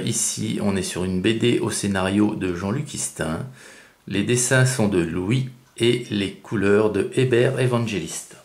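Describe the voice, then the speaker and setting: A very deep, gravelly male voice talks through a comic book review in a relaxed, halting way, with lots of hesitations and restarts. He keeps stressing that it is only his own taste. The room gives his voice a noticeable echo. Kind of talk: casual spoken review. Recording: roomy echo.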